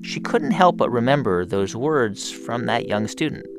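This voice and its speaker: Lively male radio host over music. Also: mid-range voice, unhurried. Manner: storytelling, building emphasis. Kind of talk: scripted radio narration.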